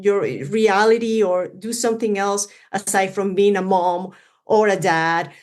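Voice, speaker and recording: A Venezuelan woman appears as a guest in a casual interview as a running influencer, speaking English with a Spanish accent. Her medium-pitched voice is steady and measured, and she rambles with many fillers.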